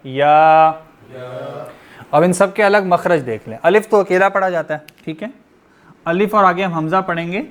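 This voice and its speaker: Patient male tajweed teacher, slightly high voice. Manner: patient, explanatory, often checking in with "theek hai"; drawn-out demonstration of letter sounds. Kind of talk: classroom lesson on Arabic letter sounds.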